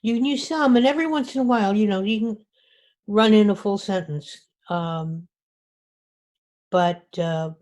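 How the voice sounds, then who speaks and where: A woman's voice: medium pitch, moderate pace, long pauses, darkish tone. A woman author giving an informal talk to a writers group, speaking conversationally with frequent restarts. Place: meeting room.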